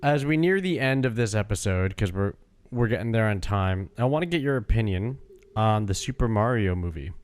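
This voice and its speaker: A man co-hosting a casual gaming chat, relaxed and upbeat in his remarks. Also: lowish voice, moderate pace, clear, resonant tone. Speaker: co-host.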